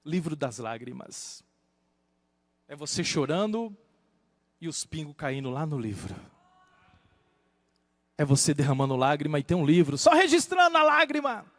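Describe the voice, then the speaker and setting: A male pastor preaching a sermon, moving between hushed low asides and loud rising exclamations. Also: very animated, moderate pace, long pauses, dry recording, in a large hall.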